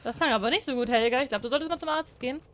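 A young woman with a high-pitched, rapid-fire voice plays a horror game as a let's play gamer. She's chatty and jumpy, talking both to herself and to the characters.

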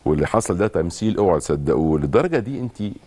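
Fast-talking deep-voiced Egyptian man. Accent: Egyptian Arabic. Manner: lively questioning, directs the cameraman. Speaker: talk show host. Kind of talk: TV interview.

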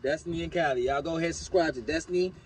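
A young man with a high-ish voice talks rapid-fire in a casual vlog, joking, swearing and bantering while browsing an outdoor swap meet. Crowd noise can be heard around him outdoors.

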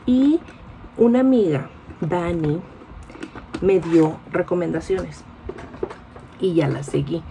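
A chatty Mexican woman in her forties vlogging into a phone held close. Her voice has a slight gravel to it, and some background noise sits under her talk. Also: on the low side, slow, long pauses, mellow, poor audio. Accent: Mexican Spanish. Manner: chatty, informal, confiding. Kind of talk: casual vlog chat to camera. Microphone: phone camera held close.

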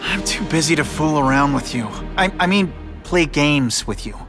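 A man's voice: on the high side, expressive, normal speed, over music, natural voice. Man playing a lighter-voiced wry young hero. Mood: exasperated, wry. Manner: casual, slightly awkward, wisecracking. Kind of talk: video game voice acting.

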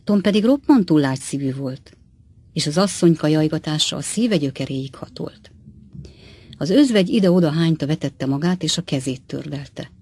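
A woman narrating an audiobook as a calm storyteller who addresses her listeners directly. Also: low voice, husky.

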